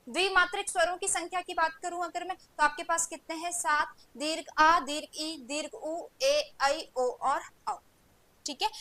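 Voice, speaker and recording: A woman's voice: high-pitched, bright, forceful tone, low-quality recording. A young woman teaching an online Hindi grammar class, asking her students questions and answering them herself, with frequent "okay"s. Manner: asks rhetorical questions and answers them, repeating "ठीक है" often. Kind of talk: online coaching class lecture.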